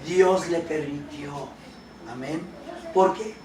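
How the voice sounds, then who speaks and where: A man preaching a sermon. He reads scripture slowly and then explains it with questions to the congregation. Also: on the high side, dark tone, reverberant, far from the mic, rough recording. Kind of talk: sermon with Bible reading.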